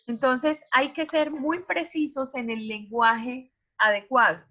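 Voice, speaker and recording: Woman, teacher, high bright voice, online class, slightly dull call audio. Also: fairly even intonation, slow. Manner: explanatory, asks students questions. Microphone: video call.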